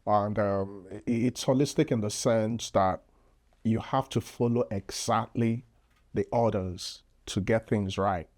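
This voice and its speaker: A man with a Nigerian accent speaks in a fairly low voice. He talks as a podcast guest, explaining things earnestly and patiently, with many fillers and restarts in a casual interview. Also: fairly even intonation, measured pace, darkish tone. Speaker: podcast guest, public health physician.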